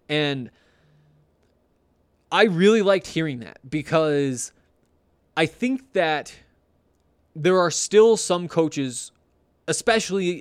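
An American man hosting a sports podcast, talking casually and haltingly as he thinks aloud and works through sponsor reads. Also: on the high side, dry recording. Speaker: sports podcast host reading sponsor spots. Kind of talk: casual talk with semi-improvised ad reads.

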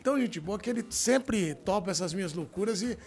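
A Brazilian man in his forties hosting a talk show with loud, showy announcing and effusive, exclamatory chat. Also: sits high, expressive, fairly quick, slightly rough. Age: 40s.

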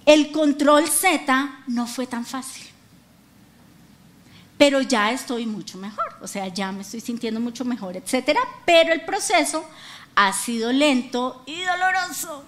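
Middle-aged lady preacher, high voice, super animated, acts out the voices. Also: unhurried. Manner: animated, acts out quoted voices, asks audience to repeat. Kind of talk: lively sermon with audience questions.

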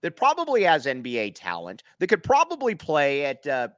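A man's voice: a little high, huge pitch swings, moderate pace, a bit bright, no room sound, studio quality. A man co-hosting a sports podcast in casual chat, laughing often and trailing off with fillers while he hunts for names. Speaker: podcast co-host.

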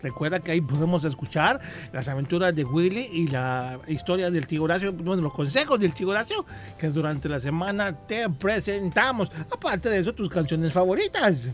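A man's voice: sits high, expressive, brisk, soft background music. A man hosting a children's radio show in a playful, exuberant, sing-song way.

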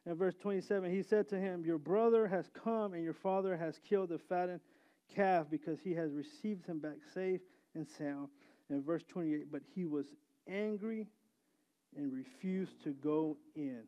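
A man's voice: high voice, normal speed, mellow. A man preaching a sermon in a conversational way, often restarting phrases and asking his listeners "right?". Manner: conversational preaching with frequent restarts and tag questions. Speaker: pastor. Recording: muffled lo-fi sound.

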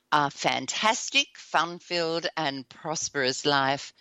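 An enthusiastic woman hosts a self-help show, her slightly croaky voice set a little low. She talks slowly with a lively, swooping pitch. The sound is dry and close. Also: no room sound. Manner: enthusiastic, bursts into whoops and laughs. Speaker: host.

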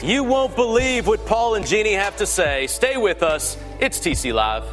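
Punchy American TV host, hyping like tabloid television. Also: male voice, high-pitched, sing-song, normal speed, fairly bright tone. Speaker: studio host of a tennis show. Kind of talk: punchy TV teaser read, tabloid-show hype. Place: TV studio. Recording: music bed under the voice.

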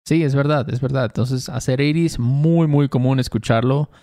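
A man's voice: mid-range voice, steady tone, moderate pace, dark tone. A man from Veracruz with a Veracruz Mexican accent, co-hosting a podcast and casually explaining local slang, adding English glosses and frequent tag questions. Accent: Veracruz Mexican Spanish. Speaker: podcast co-host. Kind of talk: casual conversational language lesson.

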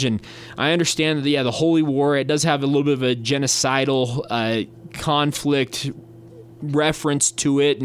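Chatty man hosting a sports podcast. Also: mid-range voice. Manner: chatty, with frequent restarts. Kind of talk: solo sports podcast talk.

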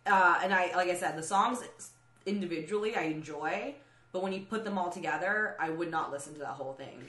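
Low-voiced woman chatting about music. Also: fairly quick, pushed and bright. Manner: chatty, lots of ums and likes. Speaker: podcast co-host. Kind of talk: casual chat about music. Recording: echoey room.

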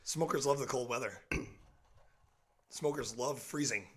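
A man's voice: mid-range voice, takes it slowly, a bit bright, breathy edge. A man talking casually as a co-host on a podcast.

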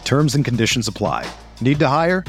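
A man's voice: medium pitch, very animated, moderate pace. Guy doing a slick ad read, mid voice, little music bed underneath. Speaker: ad announcer. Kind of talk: scripted ad read. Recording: faint music behind the voice.

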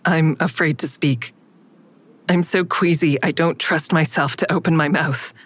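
In an audio drama, an anxious woman tells her own story, sounding restrained, guarded and introspective whether narrating or speaking dialogue. Her voice is low for a woman and husky, a little slow, with an uneasy, defensive mood.

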